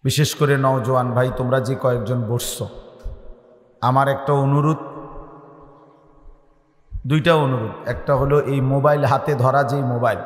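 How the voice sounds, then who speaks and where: A man preaching a waz sermon, impassioned and rising to loud chanted peaks. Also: medium pitch, normal speed, long pauses. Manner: calmer, stern when addressing the audience. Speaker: Islamic preacher. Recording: echoey hall with long reverb.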